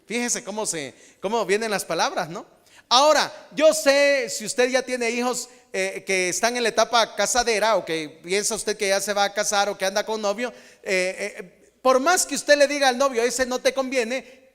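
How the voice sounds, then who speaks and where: A middle-aged man preaching a humorous, animated sermon as a pastor. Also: high voice, moderate pace, clean tone, long reverb tail.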